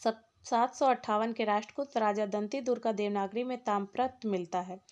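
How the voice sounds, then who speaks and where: A woman's voice: fairly high pitch, darkish tone. A woman teaching an exam-prep lesson, explaining points one by one and reading out lists of words. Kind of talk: exam-prep lecture on Hindi linguistics.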